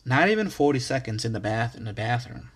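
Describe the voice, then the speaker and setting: A young American man tells a story on his own podcast in a loose, chatty monologue, with a medium-pitched voice and a slightly fast pace. He's animated and swears a lot, often breaking into sudden loud outbursts over a noisy background.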